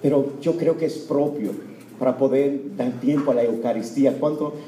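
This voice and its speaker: A man preaching an emotional sermon in a church, repetitive and full of fillers, swinging from loud fervent cries to hushed tones. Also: mid-range voice, normal speed, a little hiss or hum. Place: church before Mass. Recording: echoey church room.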